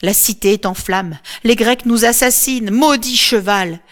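A woman voicing a desperate young Trojan prophetess who cries out high and pleading. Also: expressive, normal speed, natural voice. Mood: frantic.

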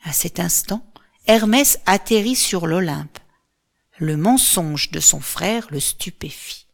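Calm woman reading a story aloud. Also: on the low side, slow pace, vocal fry. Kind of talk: scripted story narration.

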